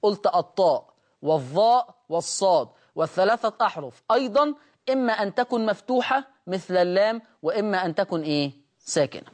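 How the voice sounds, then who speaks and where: An expressive man with a high-sitting voice and an Egyptian Arabic accent teaches the rules of Quranic recitation. Every rule gets an explanation first, followed by a slow, intoned reading of its examples.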